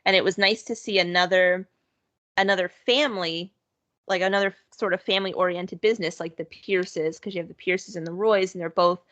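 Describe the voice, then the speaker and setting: A woman's voice: on the low side, fairly even intonation, fairly quick, fairly bright tone, dry recording. A woman co-hosting a podcast in casual chat, talking loosely with lots of fillers and easy laughter. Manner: chatty, laughs easily, many "sort of" and "like" fillers. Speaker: podcast co-host. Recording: dull, lo-fi podcast audio.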